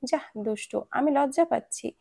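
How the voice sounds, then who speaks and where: Woman voicing a clowning young man, playful teasing, slightly high, gravelly, dry close sound. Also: moderate pace, a little mellow.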